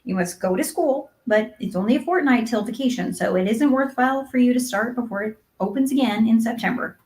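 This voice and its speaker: Woman playing a stern, practical guardian, fairly high voice. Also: darkish tone, lightly acted, rough recording. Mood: disapproving, practical. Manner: brisk, matter-of-fact, disapproving. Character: stern, practical, unsentimental woman raising an orphan. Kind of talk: acted audiobook dialogue.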